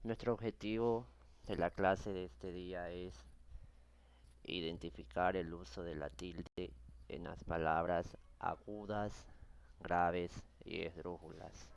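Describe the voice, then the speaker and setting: A man, teaching a recorded grammar lesson and reading out word lists slowly and carefully. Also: low-pitched, little pitch movement, gravelly, slight background noise. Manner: slow, measured dictation of word lists.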